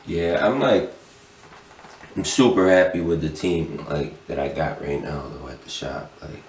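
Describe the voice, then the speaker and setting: A man's voice: a bass voice, lively intonation, measured pace, a little hiss or hum. A middle-aged man chatting casually as a podcast guest in a laid-back, slangy stoner drawl. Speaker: podcast guest, tattoo shop owner. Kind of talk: casual chat. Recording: roomy echo, distant mic.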